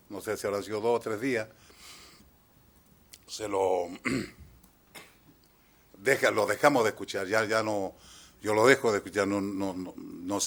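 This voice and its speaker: A man in his sixties with an Argentine accent, giving halting courtroom testimony as a trial witness and often trailing off quietly. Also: on the low side. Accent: Argentine Spanish. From Chile, raised in Argentina. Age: 60s.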